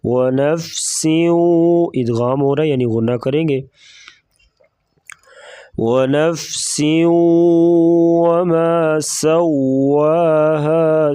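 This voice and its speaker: A man teaching Quran recitation, explaining pronunciation rules step by step in a brisk, methodical way. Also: medium pitch, mellow, no room sound, studio quality.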